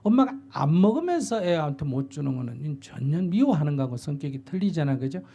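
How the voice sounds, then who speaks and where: A man's voice: a little high, very animated, a little fast, gravelly, mellow, breathy edge, lo-fi sound. An older man, a Buddhist monk, giving blunt, plain-spoken advice in a dharma talk and acting out what parents and children say. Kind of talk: dharma talk answering a question.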